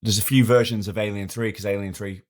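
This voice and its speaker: Low-voiced man, rambling podcast co-host. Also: steady tone, quick pace. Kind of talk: casual comedic chat.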